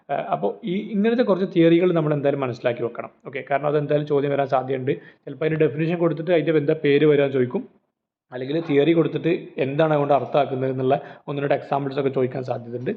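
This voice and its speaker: Man, teacher, rapid delivery, tinny phone-quality audio, exam-prep lecture. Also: a little high. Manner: explains with rhetorical questions and everyday examples.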